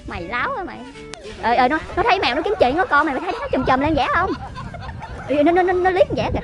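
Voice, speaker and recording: A woman commenting on the spot outdoors. She exclaims a lot, stammers into quick repeats, and playfully scolds the animals around her. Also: high-pitched, animated, music in the background. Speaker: vlogger on location.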